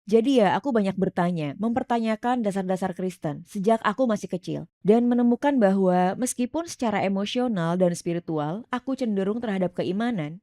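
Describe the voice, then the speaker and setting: A middle-aged woman from East London, England, tells her life story as an interview guest, earnest and reflective. Her mid-range voice has a dark tone and lively intonation, moving fairly quickly with few pauses. The recording is studio quality with no echo.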